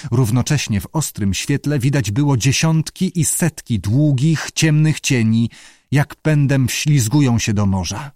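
An audiobook narrator, a man with a medium-pitched voice, reads a novel in a measured and expressive way. The scripted narration is recorded with clean studio sound and no echo.

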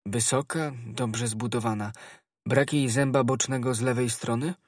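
A man's voice: medium pitch, fairly even intonation, normal speed, darkish tone, no room sound, lightly acted. Man doing a grave noble musketeer, worried, pressing questions, dry close voice. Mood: grim.

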